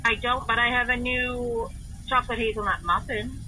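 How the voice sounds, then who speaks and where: A woman drive-through worker taking orders in a brisk, routine way, heard through the outdoor drive-through speaker. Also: fairly high pitch, sharp tone, a little hiss or hum, poor audio.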